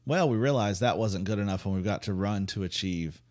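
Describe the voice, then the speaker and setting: A man's voice: on the low side, fairly quick. A man co-hosting a faith podcast, casually retelling a Bible story with humor and acting out the characters. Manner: animated storyteller, acts out voices with humor.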